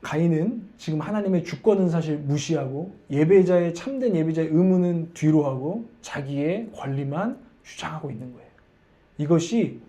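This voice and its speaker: High-voiced male preacher, conversational. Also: dark tone. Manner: conversational, asks the congregation questions. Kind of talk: sermon.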